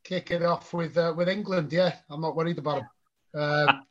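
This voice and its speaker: A man's voice: a little high, steady tone, normal speed. A man chatting casually about football on a podcast, hesitant, with lots of ums. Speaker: podcast guest. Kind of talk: casual chat. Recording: slightly muffled audio.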